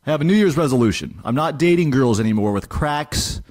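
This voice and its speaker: A man in his late thirties co-hosting a comedy radio show, delivering bits in a deadpan, mock-serious manner. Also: medium pitch, brisk. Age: late 30s. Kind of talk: scripted comedy bit.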